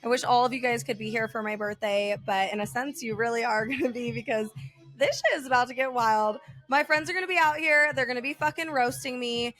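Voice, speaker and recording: A high-voiced woman with a bright, forceful tone chats to listeners over music. She is sassy and brash, full of slang and swearing. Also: brisk, no echo. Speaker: party host and podcaster. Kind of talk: casual chat to listeners.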